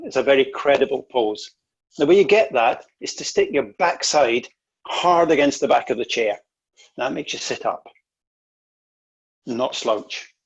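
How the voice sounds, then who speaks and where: A man's voice: mid-range voice, husky, muffled recording. A man presenting an online interview-skills workshop, coaching in an emphatic way and often repeating words.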